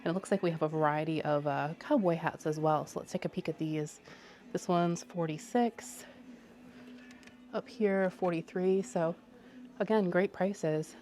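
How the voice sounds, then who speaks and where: A woman's voice: lowish voice, fairly even intonation, measured pace, a little mellow. A woman travel vlogger giving casual running commentary to her viewers as she looks around.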